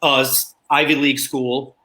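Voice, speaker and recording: A man's voice: medium pitch, level tone, moderate pace, bright, forceful tone, poor audio. A man as a guest in a casual conversation, telling stories and acting out the people he quotes. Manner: storytelling, acts out quoted voices.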